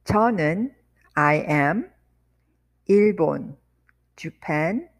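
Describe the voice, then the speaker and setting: A woman leads a language lesson at a very slow, deliberate pace. Her fairly low voice rises and falls a lot. She says each phrase slowly and then repeats it quickly. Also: lively intonation. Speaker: Korean language teacher.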